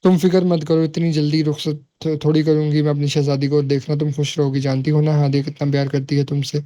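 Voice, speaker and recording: A man narrating a novel, voicing a gentle middle-aged mother coaxing her upset daughter. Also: a little high, little pitch movement, lightly acted. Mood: soothing. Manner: coaxing, tender. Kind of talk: audiobook novel reading.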